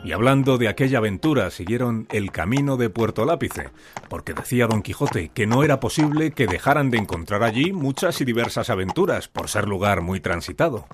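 A man narrating a radio drama in a measured storytelling way. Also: medium pitch, expressive. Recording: narration over clear music.

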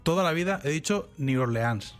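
Faint music sits behind this Spanish podcast co-host, whose voice is fairly high and paced normally. He's a chatty, rambling storyteller, animated and prone to restarts, in a casual conversation.

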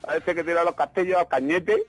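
A man with a Murcian accent and an odd cartoonish voice, haltingly telling comic anecdotes as a radio caller, repeating words as he goes. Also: a little high, steady tone, no echo, faint music behind. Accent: Murcian Spanish. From Murcia, Spain.

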